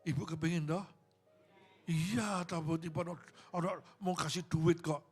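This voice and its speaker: A man's voice: on the high side, fairly even intonation, moderate pace, slightly rough, faint music behind. A middle-aged male pastor with a Javanese accent, preaching at a church service and telling stories of phone calls he received. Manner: storytelling, acting out phone calls. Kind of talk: sermon with storytelling.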